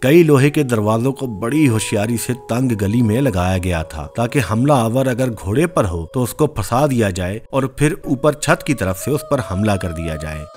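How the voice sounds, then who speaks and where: A man in his thirties giving scripted, measured documentary narration as a vlog host. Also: medium pitch, lively intonation, darkish tone.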